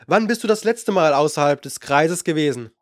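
A man's voice: on the high side, lively intonation, normal speed, dry recording, studio quality, natural voice. A man reading an audiobook, voicing a scheming older male sorcerer with a condescending, impatient manner.

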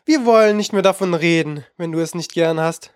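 A man's voice: fairly high pitch, brisk, clean tone, no room sound, clean studio sound, lightly acted. A man voicing a polite, curious young girl who talks eagerly and coaxingly.

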